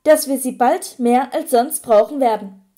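A woman's voice: high-pitched, unhurried, mellow. A woman reading an audiobook, voicing a resolute, generous teenage boy wizard in a firm, determined manner. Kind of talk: audiobook character voice.

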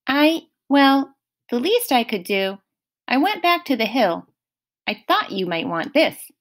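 A woman's voice: sing-song, a little slow, fairly bright tone, exaggerated voice. A woman voicing a timid, guilt-ridden teenage male satyr in an audiobook, stammering and apologetic. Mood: nervous. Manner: apologetic, stammering, high-pitched. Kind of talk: audiobook reading.

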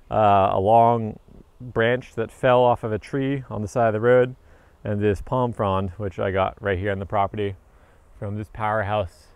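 A homesteading vlogger in his thirties, with a smooth, fairly low voice and no echo, gives a casual, upbeat tour of his tropical garden outdoors. He holds an action camera at arm's length and rambles, full of fillers and self-corrections.

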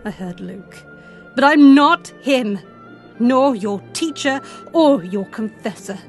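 An actress in an audio drama playing a young princess, wounded, bitter and defiant, with an indignant, emphatic delivery. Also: female voice, a little high, animated, slow. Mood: bitter, accusing. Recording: music behind the voice.

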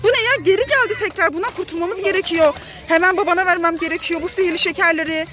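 A woman's voice: very high voice, fast talker. A woman with a Turkish accent filming a family play vlog, talking to her children as their mother and warning them with lots of drama.

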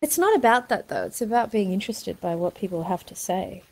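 An older adult woman in casual argumentative chat, speaking articulately and calmly challenging the other speaker. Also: medium pitch, brisk.

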